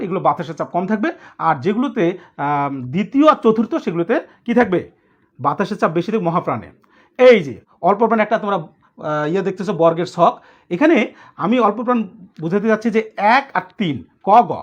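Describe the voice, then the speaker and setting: Male teacher, high and animated, explaining step by step to students; dull lo-fi recording. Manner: explains step by step, checks in with students, mixes in English words. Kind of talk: grammar lesson for students.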